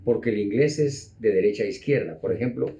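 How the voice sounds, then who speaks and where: A man talking as an interview guest, explaining at a measured pace and often repeating words. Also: fairly low pitch, mellow. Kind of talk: conversational explaining.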